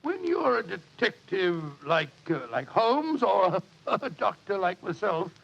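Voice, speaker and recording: An actor playing an earnest, blustery English gentleman doctor and loyal sidekick in an old radio drama. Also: high-pitched, sing-song, slow, vocal fry, heavily acted. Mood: genial. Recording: dull vintage radio recording.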